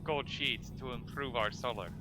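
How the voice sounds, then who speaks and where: A man's voice: mid-range voice, moderate pace, loud music behind the voice, rough recording. A man streaming a co-op game, chatting casually and teasing in a playful put-on Russian accent. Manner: joking, teasing banter. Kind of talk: casual gaming chat.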